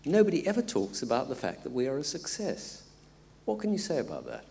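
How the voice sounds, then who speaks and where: A man's voice: medium pitch, huge pitch swings, a little fast, vocal fry, warm tone. An older man from South Africa making a comment and asking a question from the audience at a conference.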